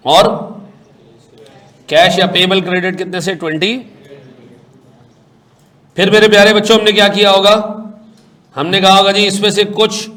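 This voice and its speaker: High-voiced teacher quizzing his class. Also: little pitch movement, fairly bright tone. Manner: brisk, coaxing, quizzes students constantly with everyday examples. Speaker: accounting teacher. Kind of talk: classroom lecture.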